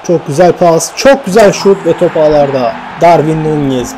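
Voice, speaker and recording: A man commentating his own football video game match, shouting and groaning at chances, then calmly recapping standings at night at home. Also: a little high, normal speed, soft background music. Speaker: gaming YouTuber. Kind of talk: excited gameplay commentary.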